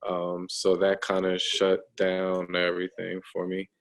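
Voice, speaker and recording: A man in his thirties speaks over a video call in a low, even voice that barely rises or falls. He talks casually as a guest. He pauses often, with frequent ums and restarts. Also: gravelly, rough recording. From United States. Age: 30s. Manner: hesitant, many ums and restarts.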